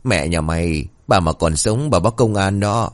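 A man's voice: low voice, lively intonation, normal speed, no echo. A man voicing a young female ghost who whines and pleads pitifully. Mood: grumbling. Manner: whiny, pleading.

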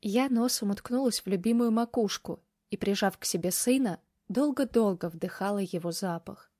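A woman's voice: mid-range voice, moderate pace, mellow. A woman reading a first-person novel aloud in an emotional, intimate way. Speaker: audiobook narrator. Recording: dry close studio sound.

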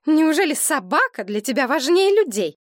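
Give me a woman doing a shrill, pleading widowed mother. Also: very animated, moderate pace, no room sound, studio quality. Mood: upset. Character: anxious, easily upset widowed mother. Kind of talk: audiobook character reading.

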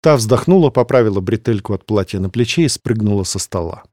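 A man reading a fantasy novel aloud as scripted narration, in a measured, steady way. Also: on the low side, no room sound, clean studio sound. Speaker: audiobook reader.

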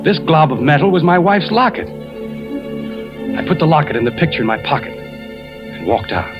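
An actor playing a suspicious, troubled husband and investigator who narrates a 1940s radio thriller in a clipped, hard-boiled way. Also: male voice, on the high side, sing-song, normal speed. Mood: brooding, tense. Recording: muffled 1940s radio broadcast, music behind.

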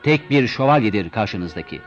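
A man voicing a grandiose, deluded old knight who declaims loudly. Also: on the low side, expressive, normal speed, natural voice. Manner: bombastic, declaiming, shouting. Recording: dull lo-fi recording with soft music.

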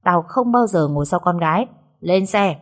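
A woman's voice: fairly low pitch, lively intonation, normal speed, close to an everyday voice. A woman voicing a rebellious, blunt young master in a storybook reading, speaking curtly and defiantly. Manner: blunt, sneering.

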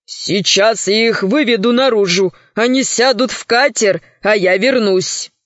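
A woman's voice: medium pitch, measured pace, no echo, lo-fi sound, close to an everyday voice. A woman voicing a cowardly, shifty male alien who talks in a flustered, pleading way. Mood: hasty.

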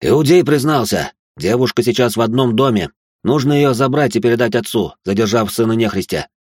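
A man voicing an excited male informer who reports urgently. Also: medium pitch, brisk, husky, no echo, studio quality, voice pushed up.

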